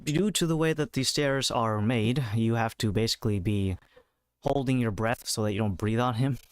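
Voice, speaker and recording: A man narrating a tabletop game as game master, in a measured, descriptive way. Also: medium pitch, clear, resonant tone, no echo.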